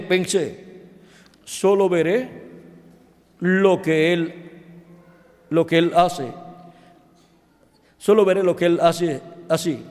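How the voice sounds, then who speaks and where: A fairly high-voiced man preaching a sermon at a deliberate, unhurried pace. He speaks haltingly, breaking off words and restarting them. His voice rings out with the long echo of a big hall. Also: a little mellow. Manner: halting, with restarts and self-corrections. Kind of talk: sermon, retelling a dream account. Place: church hall. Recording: long reverb of a large hall.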